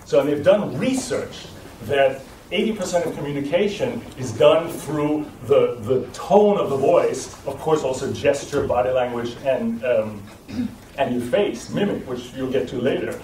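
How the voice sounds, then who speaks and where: A man's voice: mid-range voice, lively intonation, a little slow, a little mellow, slight background noise. A man teaching a voice class to a live group, explaining step by step and often restarting his sentences. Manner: explanatory, with frequent restarts and checking "right?". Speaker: voice trainer. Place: lecture room with audience. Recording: echoey room recorded from a distance.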